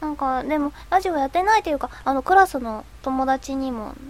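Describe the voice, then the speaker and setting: A woman playing a fifteen-year-old schoolgirl radio host, reading listener comments in a soft, hesitant, giggly way with a stuffy nose from a cold. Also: high-pitched, expressive, fairly quick. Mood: shy chatter. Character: shy teenage schoolgirl, fifteen.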